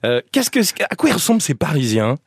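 A male radio host interviewing a guest with brisk, teasing questions. He talks fast with a lively, swinging intonation. The studio sound is dry and close. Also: on the high side, husky, no echo.

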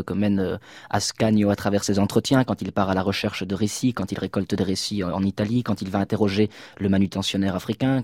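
A man from Liège speaks as a guest on a radio show, rattling along at high speed. His voice sits fairly low, and he often restarts his sentences in his eagerness. The sound is close and dry, with no room around it. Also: a little mellow, no room sound. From Belgium, Liège. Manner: rapid, impassioned, with quick restarts. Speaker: theatre actor, guest. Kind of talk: radio interview talk.

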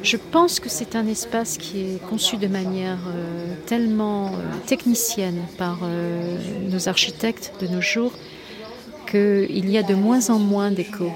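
In an interview, a woman who is both a poet and a flight attendant reflects aloud, groping for words and repeating phrases to stress them. She speaks at medium pitch and a measured pace, with a crowd and clear ambient noise in the background.

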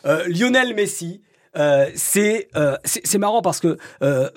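High-voiced radio host, hesitant. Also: male voice, animated, slow pace. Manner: hesitant, many fillers, teasing. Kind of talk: casual radio sports chat.

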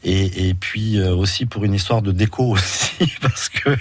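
A man, a chef, explaining a recipe on live radio in a relaxed, hesitant way, laughing now and then. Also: lowish voice, measured pace, no room sound.

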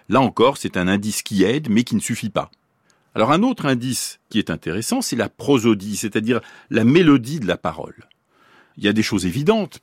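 Man teaching brain science on the radio, voice rises and falls a lot, kinda husky, dry studio sound. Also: medium pitch, no echo. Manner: explanatory, lively, poses questions to listeners. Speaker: neuroscientist explaining the brain.

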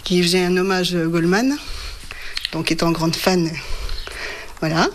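A shy woman in her thirties from Burgundy, France, a radio listener visited at home, gives brief, hesitant answers in a casual interview. Her voice is fairly low with fairly even intonation and a measured pace, and there's slight background noise.

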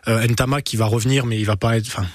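A man's voice: mid-range voice, steady tone, fast, no room sound, studio quality. Hesitant male radio sports columnist. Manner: hesitant, restarting phrases, wry. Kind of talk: casual sports analysis. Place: radio studio.

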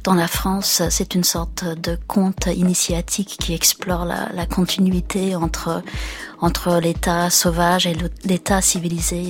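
A woman singer and composer telling anecdotes as a guest in a radio studio, measured, with hesitant pauses. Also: fairly low pitch. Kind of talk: anecdotal storytelling in a radio interview.

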